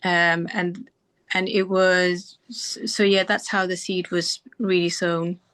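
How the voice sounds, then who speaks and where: As a guest being interviewed, a middle-aged woman doctor from Pakistan responds slowly and thoughtfully, restarting often and using fillers. Her lowish voice is clean and fairly bright, with little variation in pitch.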